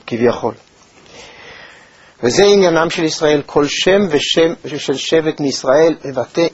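A man teaching a Torah lesson in a measured, thoughtful way, with pauses and hesitations. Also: a little high, a little mellow, breathy edge. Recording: dull, lo-fi recording.

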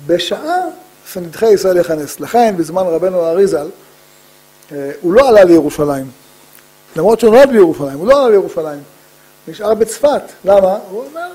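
A man teaching a religious lesson from the pulpit, his voice pitched high for a man yet mellow and soft at the edges. He has a slightly husky, unpolished tone. He poses rhetorical questions, answers them himself, and leans on repeated phrases, with frequent "uh" pauses between thoughts. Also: poor audio. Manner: emphatic repetition of key phrases. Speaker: rabbi giving a Torah lesson.

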